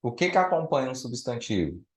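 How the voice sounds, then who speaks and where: A man's voice: medium pitch, sing-song, brisk. A man from Brazil tutoring a student in grammar, explaining step by step and checking with questions. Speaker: teacher.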